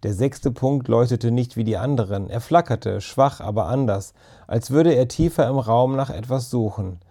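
Mellow-voiced male storyteller. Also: mid-range voice, normal speed. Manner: calm, even storytelling. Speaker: narrator. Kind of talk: audiobook narration.

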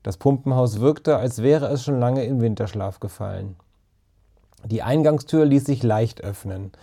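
A man narrating a children's story in a calm, even storytelling manner. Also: mid-range voice, measured pace. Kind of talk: audiobook reading of a children's story.

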